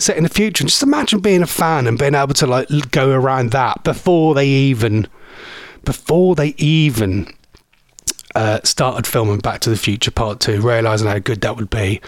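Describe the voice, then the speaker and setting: A man's voice: mid-range voice, lively intonation, normal speed, dry recording. A man hosting a radio show, chatting in a rambling, self-deprecating way from a studio microphone. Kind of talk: casual radio chat.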